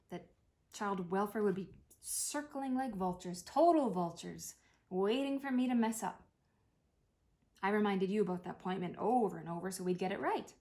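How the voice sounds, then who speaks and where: A woman reads a play in the role of a dying older mother, sounding wry, tender, and apologetic. Her medium-pitched, natural voice has a gentle, reflective manner.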